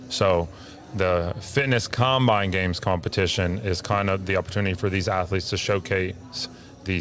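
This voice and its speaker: A man who organizes a fitness program explains it during an interview, in a relaxed, steady way with some fillers. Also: sits low.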